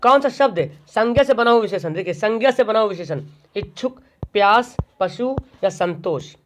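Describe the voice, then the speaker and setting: A man's voice: high-pitched, lively intonation, moderate pace, a little hiss or hum. A man teaching an online exam-prep grammar lesson, asking questions and answering them himself. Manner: drills by asking and answering his own questions. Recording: dull lo-fi recording.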